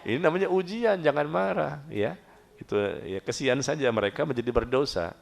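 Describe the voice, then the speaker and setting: A middle-aged man preaching a humorous sermon to a study gathering, joking and often jumping high in pitch for emphasis. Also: lively intonation, a little fast, gravelly.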